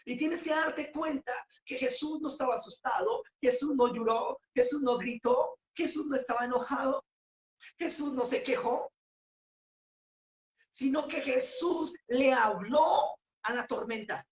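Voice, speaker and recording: A woman preaching a sermon with passion, rising to shouts on key phrases. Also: high voice, unhurried, echoey room.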